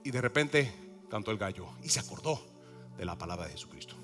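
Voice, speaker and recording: A man preaching a sermon with a lively voice that climbs high and drops low. His tone is bright and forceful, and he keeps repeating key words and asking the congregation questions. Faint music plays under him. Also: quick pace. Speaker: pastor.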